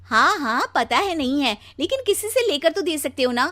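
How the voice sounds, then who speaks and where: A woman's voice: sits high, very animated, moderate pace, bright, forceful tone, voice pushed up, full character voice. A woman voicing a demanding, insistent wife in a dramatised story, nagging and emphatic. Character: demanding, insistent young wife of a tired husband. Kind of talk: dramatised Hindi audio story.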